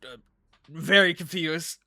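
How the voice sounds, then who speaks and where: A man running a tabletop game as game master, talking casually with quick asides and laughter. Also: fairly high pitch, vocal fry, sharp tone, no echo.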